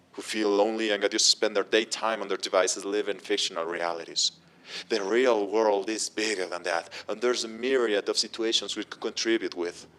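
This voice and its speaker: A man delivering an earnest scripted speech in a measured, restrained way. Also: lowish voice, a bit bright. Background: music.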